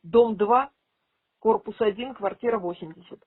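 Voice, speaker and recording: Woman, husky voice, formal complaint, assertive, argumentative, dry tinny phone recording. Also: mid-range voice, normal speed, dry recording. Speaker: migrant rights advocate. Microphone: telephone line. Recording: tinny phone call, radio-like.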